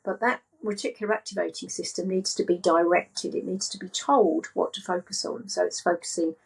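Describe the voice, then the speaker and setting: A woman speaking as a podcast guest, a spiritual business coach, in a slow, calm and grounded way. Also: lowish voice, vocal fry, husky, poor audio. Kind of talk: casual podcast chat.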